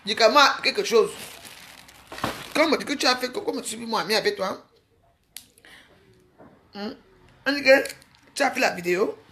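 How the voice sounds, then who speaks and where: A woman talking to her online followers in a mocking, scolding rant, full of quick restarts and jabs. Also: a little high, fairly bright tone, a little hiss or hum. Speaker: social media personality. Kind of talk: ranting live video.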